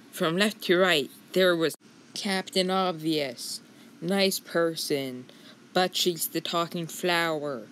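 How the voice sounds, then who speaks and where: A man narrating a comic cartoon deadpan, with deliberate, drawn-out phrasing, on a hissy home recording. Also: on the high side, rough recording.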